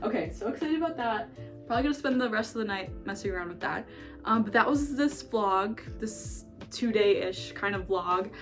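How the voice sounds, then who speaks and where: A woman's voice: mid-range voice, lively intonation, normal speed, soft background music. A young woman vlogging at home in her bedroom, chatting casually with lots of fillers. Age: young adult. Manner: bubbly, chatty, many "like" fillers. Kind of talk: casual vlog chat.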